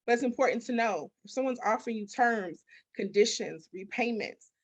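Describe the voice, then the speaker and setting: A woman with a slightly high voice speaks a little fast. As a business architect and mindset coach guesting in an interview, she gives motivational, conversational answers, emphatic and full of repetition and rhetorical questions.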